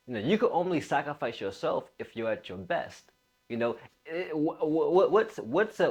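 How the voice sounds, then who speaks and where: A fitness coach in his late twenties gives a casual motivational talk in a medium-pitched voice. He's emphatic, repeats phrases, and leans on informal bro slang.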